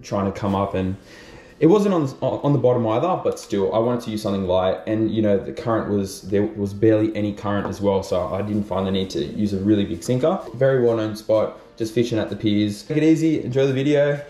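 A man's voice: on the low side, a little fast, mellow. A young man vlogging and casually explaining his gear step by step, with plenty of "um" and "you know" fillers. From Australia. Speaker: fishing vlogger. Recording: roomy echo.

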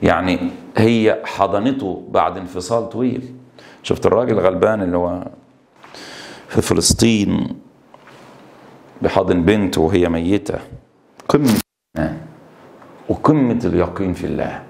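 A man with an Egyptian Arabic accent teaching an English exam-prep lesson. He reads English words slowly, explains them quickly in Arabic and stresses key words. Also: low voice, vocal fry, darkish tone.

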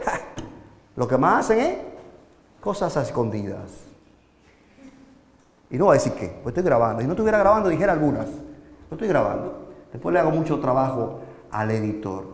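Animated man preaching in a hall. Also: a little high. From Dominican Republic. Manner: animated, rhetorical questions, swings loud and soft. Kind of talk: live sermon to young people. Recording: echoey hall, long reverb.

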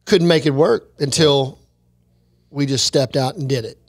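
A man in his forties co-hosting a church podcast, talking in an earnest, encouraging way on a close boom mic in a small studio. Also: unhurried, no echo. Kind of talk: casual chat. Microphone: boom mic close to mouth.

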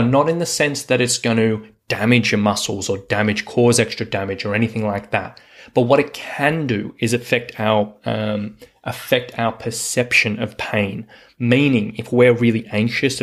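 A man hosting a solo coaching podcast, talking in an earnest, reassuring way and repeating words for emphasis. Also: medium pitch. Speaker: podcast host, hiking coach.

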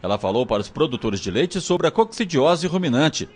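A man's voice: a little high, sing-song, brisk. A man narrating a local news report in a formal reporting tone.

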